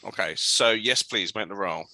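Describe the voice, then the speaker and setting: A man running a tabletop game, lower voice with a very bright, forward edge and a dry close sound. He is easygoing and keeps filling pauses with ums as he describes each scene. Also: no echo. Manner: relaxed, lots of ums, describing scenes and ruling on rolls. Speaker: game master.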